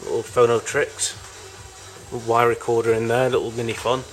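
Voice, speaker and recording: Showing his vintage tape recorder collection piece by piece, a man rambles through casual, unplanned commentary, pausing and self-correcting frequently. His mid-range voice barely moves in pitch, with soft music in the background.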